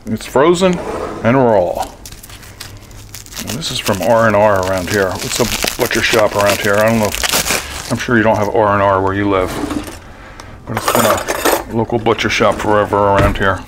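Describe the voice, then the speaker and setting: A man in his sixties runs a chatty, upbeat cooking demo, chuckling often, first in his home kitchen and later in a pickup truck. He's a cooking vlogger on a lapel mic, with a lowish voice at a moderate pace, and the audio is very noisy.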